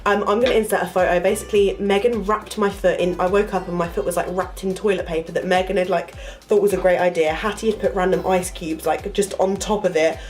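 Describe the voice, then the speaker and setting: Speaking a little fast with a fairly low, slightly mellow voice and fairly even intonation, this young adult student vlogger rambles through a casual story to camera. Flu has left her nasal and stuffed up, she uses lots of fillers, and soft music sits in the background.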